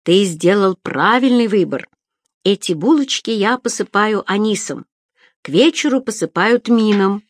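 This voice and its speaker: A woman voicing a grovelling yet brutal male baker who hawks his bread loudly and sweetly. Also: mid-range voice, lively intonation, unhurried, no room sound, studio quality. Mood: fawning. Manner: loud, sugary hawker's patter. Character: fawning, bullying adult male baker.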